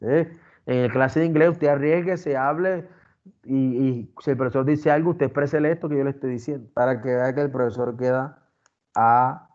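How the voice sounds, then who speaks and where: A man's voice: medium pitch, a little mellow, muffled recording. A man teaching an online class, lecturing and often asking the students questions. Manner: talkative, asks the class questions, many fillers.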